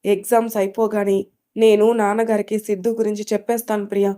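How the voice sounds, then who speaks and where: A woman voicing a gentle, earnest young woman in love in a spoken story, soft in manner. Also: medium pitch, flat delivery, fast talker, lightly acted.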